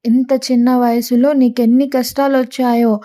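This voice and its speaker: A woman's voice: on the high side, little pitch movement, normal speed, warm tone, close to an everyday voice. A woman voicing a dramatic, self-pitying young woman in a read-aloud story.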